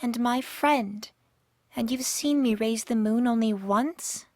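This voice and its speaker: Woman voicing a lonely, regal pony princess, higher-pitched. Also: slow pace, darkish tone, no echo, studio quality. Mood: resentful, formal. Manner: formal, regal, sorrowful diction. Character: lonely, bitter young pony princess of the night. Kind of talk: fan-made radio drama acting.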